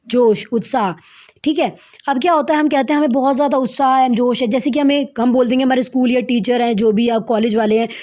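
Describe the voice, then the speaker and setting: A young woman teaching English vocabulary as a lesson, explaining each word and repeating key terms slowly for emphasis. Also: sits high, darkish tone. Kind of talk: Hindi-language vocabulary lesson.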